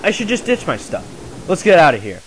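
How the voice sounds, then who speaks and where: A man's voice: high-pitched, wildly swooping pitch, brisk, heavily acted, low-quality recording. A man reading a clingy young village boy with a worried, pleading tone, in a hissy home recording.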